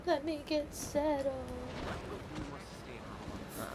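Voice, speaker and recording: A woman's voice: high voice, little pitch movement, extremely slow, noisy background. A woman streamer giving casual gameplay commentary, rambling with many fillers and self-corrections, sometimes drifting away from the mic. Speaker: gaming streamer. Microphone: headset or desk mic, at times far from it.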